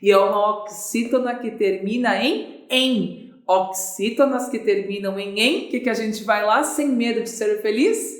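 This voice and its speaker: A woman's voice: mid-range voice, unhurried. A Brazilian woman teaching an online grammar lesson, chatty, asking and answering her own questions. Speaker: Portuguese teacher. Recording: echoey room.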